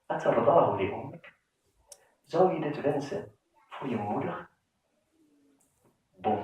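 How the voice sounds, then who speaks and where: A man preaching with strong emotion, his voice rising and dropping to a hush, with Arabic phrases woven into his talk. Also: fairly high pitch, muffled recording. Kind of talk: sermon. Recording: very echoey hall, mic far off.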